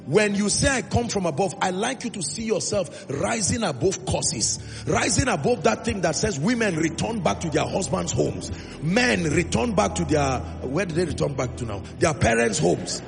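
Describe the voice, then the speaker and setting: Emphatic Nigerian preacher, lively high voice. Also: male voice, gravelly. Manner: emphatic, call-and-response, drawn-out phrases. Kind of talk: sermon. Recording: reverberant hall with music.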